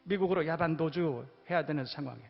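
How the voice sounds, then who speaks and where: High-pitched Korean pastor preaching in a reverberant church. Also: male voice, a little fast, vocal fry, breathy edge. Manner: storytelling, rising to emphatic exhortation. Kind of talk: sermon. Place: church sanctuary. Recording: long hall reverb, dull lo-fi sound, faint music.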